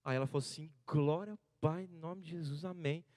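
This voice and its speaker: A man's voice: a little high, a little fast, no echo, studio quality. Impassioned young man preaching in church. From Brazil. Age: 30s. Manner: emotional, swings from hushed to loud and rising. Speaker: seminarian preaching. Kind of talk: sermon with personal story. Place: church hall.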